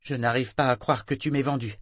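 A man voicing a proud young woman sailor who answers in a calm, restrained way. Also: medium pitch, brisk, no room sound, studio quality, voice pushed up, lightly acted. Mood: resigned.

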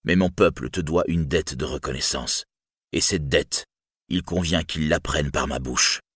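Homme jouant un homme boiteux et amer. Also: male voice, rumbling low, measured pace, fairly bright tone, husky, no room sound, studio quality, exaggerated voice. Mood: bitter. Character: lame man, bitter and weary. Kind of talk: audiobook reading.

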